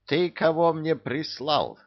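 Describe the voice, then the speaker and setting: A man's voice: low voice, expressive, slow pace, dull audio. A man voicing an irritable male devil who runs hell like an office, hissing and barking orders, in an audiobook. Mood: snapping, furious. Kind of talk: audiobook character voice.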